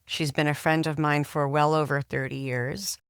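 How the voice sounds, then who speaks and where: Earnest middle-aged lady hosting a podcast, smooth voice, stumbles on words a bit. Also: low voice, flat delivery, no room sound, clean studio sound. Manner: earnest, halting with repeated words. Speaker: podcast host. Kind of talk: interview.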